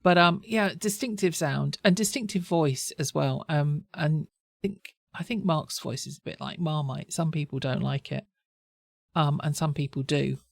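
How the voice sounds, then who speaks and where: Stuffed up from a cold and nursing a sore throat, a woman chats her way through a reaction video, rambling and correcting herself as she goes. Her deep voice has vocal fry and a moderate pace, recorded at studio quality without echo.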